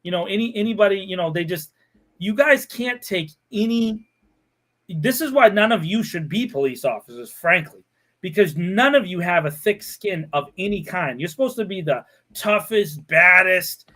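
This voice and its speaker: A man hosting a podcast, ranting in a sarcastic, animated way with frequent laughter. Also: high voice, normal speed. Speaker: podcast host. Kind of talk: casual podcast chat.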